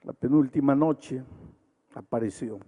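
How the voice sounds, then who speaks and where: A male evangelist preaching a sermon, moving between loud fervent appeals and quiet storytelling. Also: mid-range voice, unhurried. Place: large arena. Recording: long echo of a big arena.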